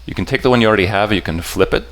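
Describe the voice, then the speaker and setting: A low-voiced man gives a puzzle talk at a convention before a live audience. He talks in fits and starts, backing up to rephrase, and directly asks the room from time to time whether they're following.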